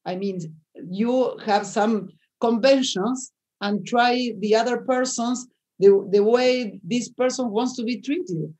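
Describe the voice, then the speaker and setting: A woman's voice: a little high, takes it slowly, darkish tone. A woman from Argentina, a native Spanish speaker, speaking English in a webinar discussion over a video call and often searching for words. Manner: searching for words, frequent restarts. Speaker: panel guest writer.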